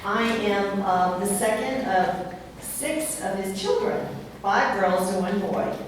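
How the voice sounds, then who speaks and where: Brief: middle-aged woman at a podium, introduction speech, distant mic, boomy hall. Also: slow. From San Diego, United States. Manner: reads a biography with occasional fillers. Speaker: speaker introducing her father at an event. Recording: echoey hall, voice from far off, faint hiss.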